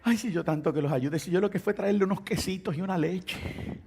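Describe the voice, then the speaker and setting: A male preacher putting on the voice of a self-pitying man who whines softly that he has been wronged. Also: high-pitched, fairly quick, creaky, a little hiss or hum. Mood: whining self-pity. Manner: whiny, sorrowful, soft-spoken.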